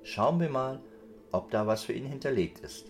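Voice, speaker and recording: A man's voice: mid-range voice, expressive, normal speed, faint music behind, close to an everyday voice. A man narrating a scripted children's story as an engaged storyteller who speaks to his listeners.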